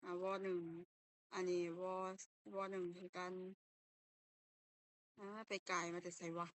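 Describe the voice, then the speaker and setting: A woman's voice: fairly low pitch, monotone, measured pace, dry recording. A young woman tutoring a language class online, explaining step by step, repeating key terms and correcting herself aloud.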